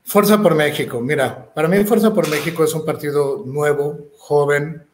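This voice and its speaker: A man with a Mexican accent, a political candidate answering interview questions earnestly, pausing with fillers and restarts. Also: a little high, roomy sound, a little hiss or hum.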